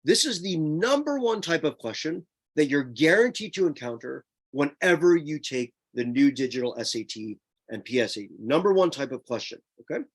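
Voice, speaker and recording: A man's voice: fairly high pitch, lively intonation, moderate pace, husky. A man tutoring students through a screen-share lesson, emphatic and repeating his key points as he talks straight to them. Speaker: test prep tutor.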